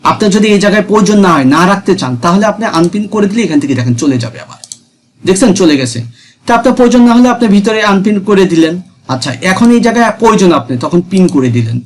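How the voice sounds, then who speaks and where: A man talks through a screen tutorial in a chatty, repetitive way, checking in with his viewers. His voice sits high for a man. Faint background noise hums under the recording. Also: lively intonation, racing. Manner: chatty, repeats himself, asks viewers "ঠিক আছে?". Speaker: freelancing tutor.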